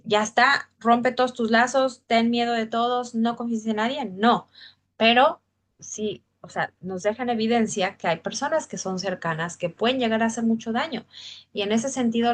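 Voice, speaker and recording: Woman teaching a Psalms study. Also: mid-range voice. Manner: reflective, many fillers and rhetorical questions. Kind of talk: Bible study talk.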